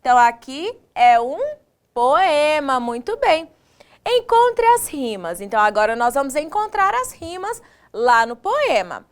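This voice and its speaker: A woman's voice: high voice, sing-song, unhurried. A Brazilian woman teaching young children, drawing out syllables, asking questions and praising the pupils. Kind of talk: online lesson for children.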